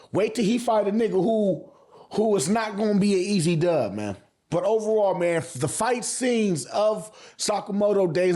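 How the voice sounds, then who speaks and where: Giving casual hype commentary on anime, this host speaks in a high, darkish voice. He leans heavily on slang and swearing and says things over again to drive his points home.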